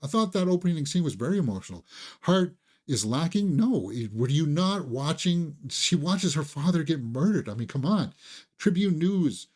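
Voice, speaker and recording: This man hosts a casual, conversational film review, sounding enthusiastic and opinionated. His voice is a little high and a little mellow, very animated, at a moderate pace. He sometimes repeats words as he thinks aloud.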